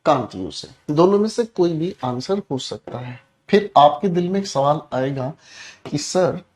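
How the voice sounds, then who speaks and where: Guy teaching a class, kinda high voice, keeps shouting example commands at the students. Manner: explains with loud shouted example commands, addresses students as "beta". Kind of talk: energetic classroom lesson.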